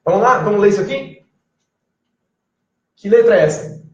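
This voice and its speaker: A man's voice: sits high, expressive, normal speed. A man teaching a Biblical Greek class at a whiteboard, patiently prompting students to read letters aloud. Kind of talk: classroom lesson. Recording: echoey, distant, muffled classroom recording.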